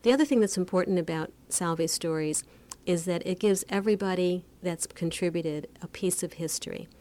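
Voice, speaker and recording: A woman speaking casually and reflectively about her book, halting now and then with fillers. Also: fairly low pitch, warm tone. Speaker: book author. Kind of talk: casual interview talk.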